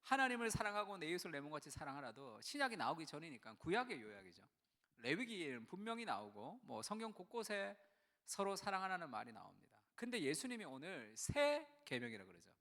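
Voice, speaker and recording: A middle-aged man preaching a sermon in a church, telling stories and acting out the voices he quotes, swinging between hushed and loud. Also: on the high side, wildly swooping pitch, brisk, in a large hall. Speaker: pastor. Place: church sanctuary.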